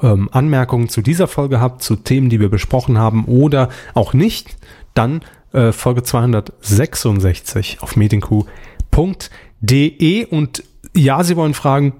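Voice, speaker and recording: A man's voice: mid-range voice, animated, moderate pace, darkish tone. A man co-hosting a casual podcast, joking around and reading listener comments aloud. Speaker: podcast co-host. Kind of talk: casual chat.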